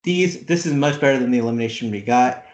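A man's voice: medium pitch, quick pace. Casual male podcast co-host, rambling recap, echoey room. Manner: rambling, many "like" fillers, animated retelling. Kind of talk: casual chat recapping a reality show. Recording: roomy echo.

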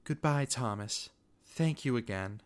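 A man voicing a kind, resolute woman in a dramatic story, speaking in a gentle, earnest and composed way. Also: medium pitch, lively intonation, unhurried, smooth, lightly acted. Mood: gentle resolve. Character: resolute, kind woman, a newly dead mother.

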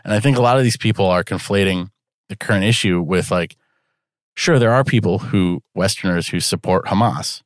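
Casting: male podcast co-host, low voice, rambling and self-mocking, dry close sound. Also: normal speed, no echo. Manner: rambling, joking, self-deprecating. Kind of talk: casual podcast chat.

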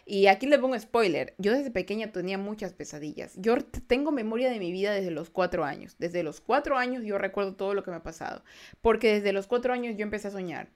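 A young woman telling true ghost stories in casual podcast talk, acting out quoted lines with loud bursts and often restarting her sentences. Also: medium pitch, animated, fast. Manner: frequent restarts, turns quiet and reflective. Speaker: podcast host. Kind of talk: casual storytelling.

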